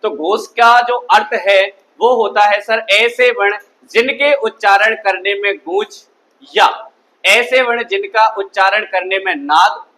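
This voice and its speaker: A man's voice: high-pitched, pushed and bright, low-quality recording. A man teaching a Hindi grammar class, constantly quizzing his students with call-and-response questions. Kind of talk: classroom lecture.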